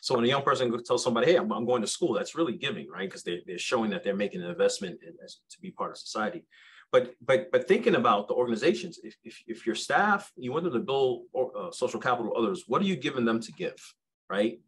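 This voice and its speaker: A man's voice: medium pitch, very animated, fast talker, fairly bright tone, slightly rough, low-quality recording. A man who runs youth programs, speaking with energy on a video-call panel and often tossing in rhetorical "right?" questions. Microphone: webcam on a video call.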